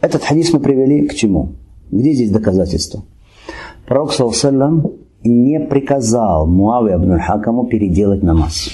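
Male religious teacher, lively rising and falling delivery, warm mellow tone, poses questions and answers them. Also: mid-range voice. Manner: asks the audience questions and answers them himself; recites Arabic blessings quickly. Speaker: Islamic teacher. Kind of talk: religious lecture.

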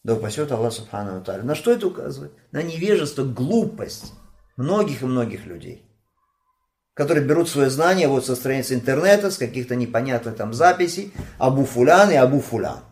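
A man's voice: very animated, fairly quick. A man teaching a religious lesson on hadith, impassioned and scolding, asking his listeners questions as he goes. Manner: impassioned, scolding, rising to loud outbursts then dropping low. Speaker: Islamic teacher.

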